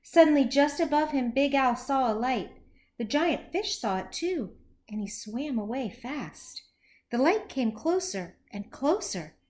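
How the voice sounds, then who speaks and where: Reading a picture book to small kids, this woman has a high voice and an unhurried, carefully paced delivery. She brings the story to life with a broadly swinging melody, lively expression, and questions aimed at the young audience.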